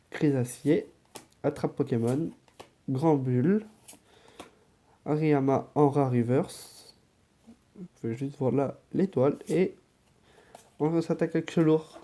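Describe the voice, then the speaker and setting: A man with a head cold and sore throat talks casually as he opens card packs, sometimes muttering quiet asides while handling the cards. His voice is medium-pitched.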